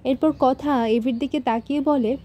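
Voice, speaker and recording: A woman's voice: sits high, steady tone, moderate pace, warm tone, lo-fi sound, slight background noise. A woman reading a scripted recap of a television serial episode, voicing the characters' lines in her narrating voice.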